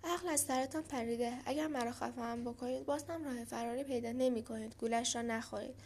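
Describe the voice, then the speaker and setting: A small, fearless fish who answers with scorn and urgency, as a woman reading the storybook voices it. Her voice is pitched high and raised. This is storybook character reading. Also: steady tone, darkish tone, a little hiss or hum, natural voice. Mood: defiant.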